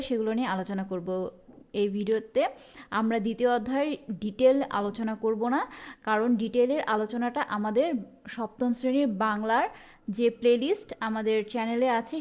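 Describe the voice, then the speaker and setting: A young adult woman teaching a school lesson, explaining answers step by step and often checking in with the class. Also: on the high side. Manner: explanatory, checks in with frequent rhetorical questions.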